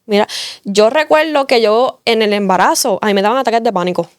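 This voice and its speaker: A woman tells her faith story in earnest, repeating phrases to drive them home. Her voice sits a little high and sounds smooth and clear. The recording is close and dry. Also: fairly quick, no room sound. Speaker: interview guest giving testimony. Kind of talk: emotional faith testimony.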